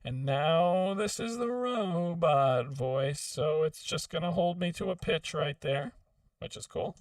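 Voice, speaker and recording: A man's voice: takes it slowly, dry recording, distant mic. Man through a metallic robot voice effect. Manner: rambling, chatty, laughs often. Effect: robotic pitch-locked vocoder voice. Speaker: host demoing a vocal effects unit. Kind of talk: casual live demo chat.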